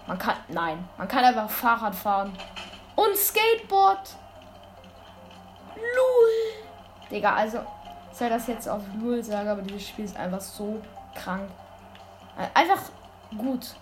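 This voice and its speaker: A woman giving casual gameplay commentary, excitable and full of youthful slang, breaking into sudden loud exclamations. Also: mid-range voice, moderate pace, soft background music. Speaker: let's play gamer. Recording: constant background noise.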